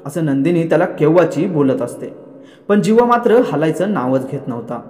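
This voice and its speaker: A man's voice: a little high, expressive, moderate pace, dark tone. A man retelling a TV serial episode, voicing each character's lines with rising emotion. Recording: echoey room with long reverb.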